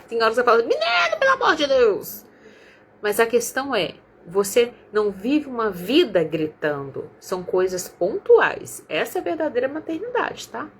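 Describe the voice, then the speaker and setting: A Brazilian woman with a fairly high voice talks casually to her followers about raising children. She tells animated stories and mimics the mothers and kids she quotes. A faint hum of room ambience sits behind her. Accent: Brazilian Portuguese. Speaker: parenting counselor.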